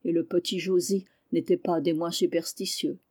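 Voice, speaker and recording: A woman reading a novel aloud in measured, expressive narration. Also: on the low side. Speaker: audiobook reader.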